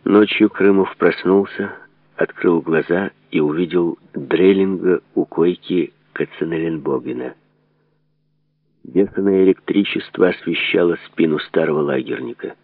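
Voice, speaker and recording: A man reading an audiobook aloud in a measured, serious delivery, in a dry phone-like narrow recording. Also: low voice, creaky, no echo. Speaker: narrator.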